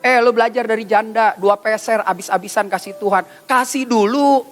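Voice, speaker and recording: A male pastor, preaching a lively, joking sermon in street slang at a retreat. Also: high voice, normal speed, soft background music. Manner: joking, teasing, slangy storytelling. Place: church retreat session.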